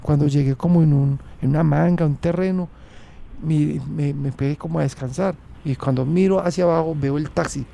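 A Colombian man recounts his life in a halting, personal way, restarting sentences and acting out what others said. His voice is gravelly and very dark but sits a bit high for a man. Faint music plays underneath. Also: steady tone. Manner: halting, with restarts and acted quotes. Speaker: interviewee. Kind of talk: personal storytelling.

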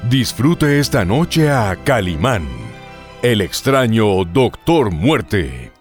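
A man's voice: on the low side, very animated, very slow, faint music behind. A man announcing a radio programme in a scripted introduction style.

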